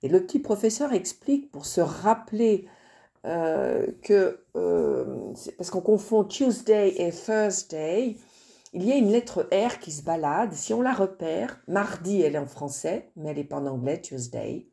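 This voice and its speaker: A woman teacher recording a lesson from a textbook, slow and deliberate, spelling out each word with care. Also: fairly low pitch, lively intonation, creaky, dark tone.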